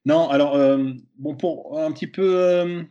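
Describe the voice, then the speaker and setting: A man's voice: a little high, steady tone, unhurried, mellow, muffled recording. A man from Switzerland with a Swiss French accent, a comedian guest chatting casually on a podcast, hesitant and repeating words often.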